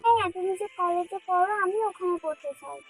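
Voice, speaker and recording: Woman doing a pouty teen girl in a fan drama, super high voice, quick to get huffy. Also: faint music behind, low-quality recording. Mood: pleading. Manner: pouting, quick to take offence. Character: sulky, hot-tempered teenage girl in love.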